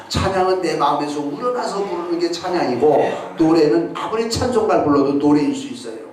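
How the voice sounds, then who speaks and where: A man preaching with a fairly high voice, lively and animated, and often tossing questions out to the congregation. His voice booms around a big, echoing sanctuary and sounds distant from the mic. A faint hum of room ambience sits underneath. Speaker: pastor. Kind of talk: sermon. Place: church sanctuary. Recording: echoey church hall from far off.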